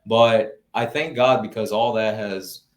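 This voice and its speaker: Low-voiced young man, laid-back chat. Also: unhurried. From Florida, US. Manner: relaxed, peppered with "you know" and restarts. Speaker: guest, real estate investor. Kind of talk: casual live Q&A chat.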